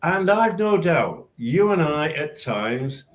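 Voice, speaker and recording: A man's voice: a little high, very animated, slow. A man hosting a casual chat as a former referee, speaking emphatically and repeating words as he starts sentences, over a video call. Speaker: show host and former referee.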